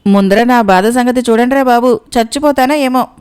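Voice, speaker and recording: A woman's voice: on the high side, a little fast, darkish tone, smooth, close to an everyday voice. A woman voicing Anandayya, a panicky male porter who wails and moans in pain after being bitten. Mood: wailing. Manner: wailing and moaning in pain.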